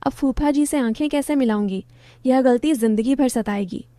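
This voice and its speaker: Woman reading a tender, lonely aunt: soft and coaxing, mellow, dry close mic. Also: high voice, moderate pace, dry recording, natural voice. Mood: regretful. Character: lonely, affectionate middle-aged aunt.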